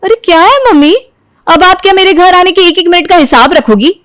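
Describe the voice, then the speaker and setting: A woman's voice: high-pitched, animated, brisk, dry recording, studio quality. A woman voicing a touchy, defiant young woman who snaps and whines when she talks back. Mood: snappish. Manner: snappish, whiny, talks back.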